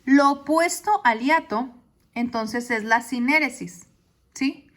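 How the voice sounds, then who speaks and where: Spanish-speaking teacher who keeps asking ¿sí?. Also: female voice, sits high, takes it slowly, a bit bright. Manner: explains step by step, often asks ¿sí? to check. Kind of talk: classroom lesson on poetry.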